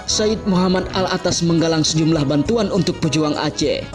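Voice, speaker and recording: A man reading a scripted documentary narration in an even, formal delivery, played back from a video. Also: a little high, moderate pace, loud music behind the voice.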